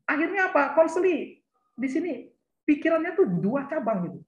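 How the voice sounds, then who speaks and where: A woman's voice: high voice, sing-song, moderate pace. A woman giving an educational talk to school counselors, explaining step by step and repeating her points with small tag words. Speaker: counseling lecturer. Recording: roomy, dull lo-fi recording.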